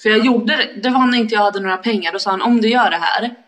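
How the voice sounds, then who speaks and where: A young woman with a Swedish accent from around Kumla tells a story in casual chat. She acts out the lines of the people in it, swears freely and laughs often. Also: on the high side. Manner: animated, swearing, laughing often, acting out quotes.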